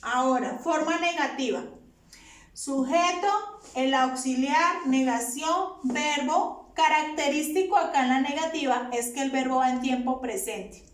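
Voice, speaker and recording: A woman's voice: high voice, measured pace, recorded from a distance. A woman teaching English grammar, patiently asking questions and answering them herself. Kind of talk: explaining grammar to students. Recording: echoey room, voice off-mic.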